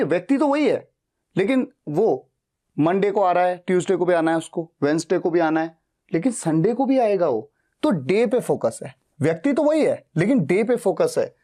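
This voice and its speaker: Mellow-voiced male English teacher. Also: high-pitched. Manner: patient, repeats examples, asks and answers his own questions; reads English example sentences slowly and deliberately. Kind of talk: explanatory grammar lesson.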